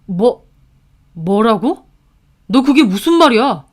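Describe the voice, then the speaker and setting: A woman's voice: on the high side, big pitch swings, takes it slowly, heavily acted. A woman voicing an adult man, a defensive older brother who answers in brusque, dismissive retorts. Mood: shocked.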